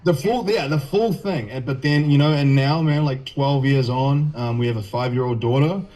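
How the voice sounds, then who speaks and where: New Zealand man, guest on a talk podcast, mid-pitched and easygoing. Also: normal speed, dark tone. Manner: easygoing, loose and chatty, full of "you know" and "man". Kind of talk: casual podcast chat.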